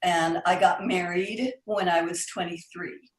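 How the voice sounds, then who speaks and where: A woman in her sixties from Brazil, calmly telling her own life story as a guest speaker. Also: lowish voice, a little slow. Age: 60s. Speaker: guest speaker in a recorded video. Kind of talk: personal testimony. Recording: roomy echo.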